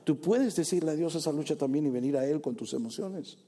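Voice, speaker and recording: A male pastor preaching a sermon with emphatic swings from loud to quiet, asking rhetorical questions and acting out prayers. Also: brisk, slightly rough. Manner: emphatic preaching, rising to near shouts then dropping low.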